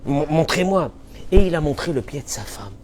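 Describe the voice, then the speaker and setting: A man's voice: a little high, sing-song, fast talker, a little hiss or hum. Emphatic male rabbi giving a lesson. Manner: emphatic, repeats key phrases, swings between loud and soft. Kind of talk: Torah lesson.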